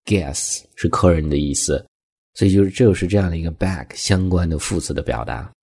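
A deep, slightly husky male voice running a language lesson. He reads each English example slowly and at a raised pitch, then explains it briskly in Chinese. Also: darkish tone. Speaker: English teacher.

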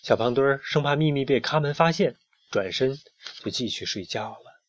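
A man narrating a children's story in a lively way, switching into voices. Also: medium pitch, moderate pace. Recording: dull lo-fi recording.

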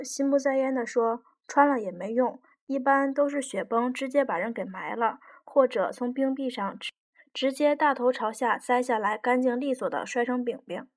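A woman reading an audiobook in a lively, wry storytelling manner. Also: on the high side. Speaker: audiobook reader. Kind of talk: scripted audiobook narration.

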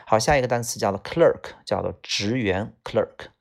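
A man's voice: lowish voice, normal speed, gravelly. A man teaching English vocabulary to students, explaining one word after another and repeating each key word. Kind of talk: vocabulary lesson.

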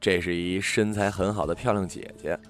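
A man narrating a ghost story in an expressive storytelling delivery. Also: low voice, moderate pace. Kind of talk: audiobook storytelling.

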